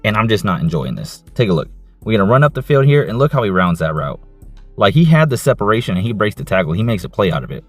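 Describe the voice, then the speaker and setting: A man coaching and breaking down football game film, excited, casual, and repeating his catchphrases. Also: on the low side, fast talker, dry recording, soft background music.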